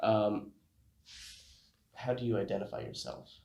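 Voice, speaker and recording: A man's voice: fairly low pitch, sing-song, a little slow, creaky, darkish tone, highs cut off. A young man hosting a casual podcast interview, talking in a rambling way with lots of fillers. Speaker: podcast host. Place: room, recorded on a phone. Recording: echoey room.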